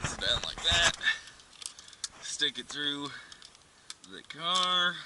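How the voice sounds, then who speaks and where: This vlogger's voice is fairly high and extremely slow as he casually demonstrates putting in a car radio, musing to himself while working in the vehicle. The audio carries clicks and the noise of the car's interior.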